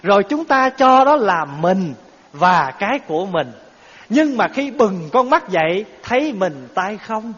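A man's voice: sits high, breathy edge. Male Buddhist preacher, storytelling sermon with rhetorical questions, muffled hall sound. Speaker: Buddhist teacher. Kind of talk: dharma talk sermon. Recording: dull echoey hall recording.

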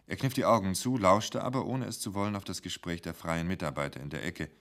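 A man reading a short story for radio in a measured, dry manner. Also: low-pitched, fairly bright tone. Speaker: narrator.

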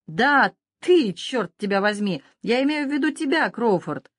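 A woman voicing a big, drunk, belligerent man whose voice is hoarse from cigarettes and drink, shouting in an audiobook. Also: fairly high pitch, lively intonation, moderate pace, no room sound, studio quality, pitched above the performer's own voice. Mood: drunk angry. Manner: belligerent, slurred bellowing. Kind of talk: audiobook character voice.

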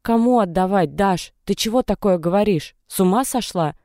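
A level-headed young woman pressing her friend with earnest, reproachful questions, as a narrator puts her on. The voice is warm and smooth, recorded close in a dry booth like a storybook reading. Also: mid-range voice, lively intonation, normal speed, dry recording, pitched above the performer's own voice, close to an everyday voice. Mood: bewildered. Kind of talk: audiobook character reading.

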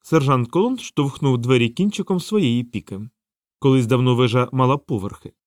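A man reads a novel aloud as an audiobook narrator in a measured, storytelling way. His voice sits at a middle pitch. The recording is dry, with no room sound. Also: no room sound.

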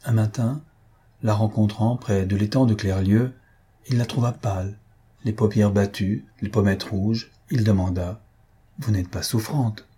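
Lecteur de livre audio, homme, timbre sombre et rauque, débit mesuré. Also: male voice, lowish voice, fairly even intonation, a little slow, mellow, husky. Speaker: audiobook reader. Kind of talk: reading a classic novel aloud.

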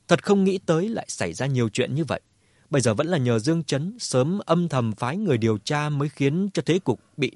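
A man narrating a novel in a steady audiobook reading. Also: mid-range voice, no room sound, clean studio sound. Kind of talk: scripted story narration.

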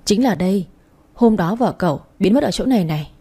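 A woman's voice: medium pitch, expressive, brisk, warm tone, husky. A woman voicing a man's blunt, loyal friend who speaks in an exasperated way. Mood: matter-of-fact.

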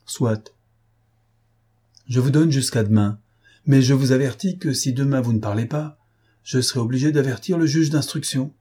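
A man's voice: medium pitch, normal speed, long pauses, dark tone, slightly rough, voice pushed up, lightly acted. A man reading an audiobook, voicing a commanding male police chief who presses and gives orders. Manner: urgent, commanding.

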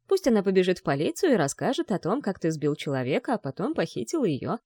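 A woman's voice: lowish voice, big pitch swings, fast, dark tone, slightly rough, dry recording. A cold, scornful father growls and sneers in a harsh, mocking way, as a woman narrator puts him on. The audiobook reading is recorded dry and close, with no room sound. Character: menacing, scornful rich older father, a man.

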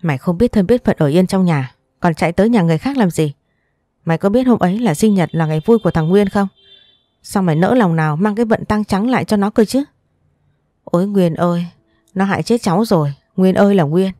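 A woman's voice: mid-range voice, brisk, dark tone, no room sound, studio quality, lightly acted. A woman voicing a grieving middle-aged aunt who screams accusations and wails in an audio story. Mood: wailing rage.

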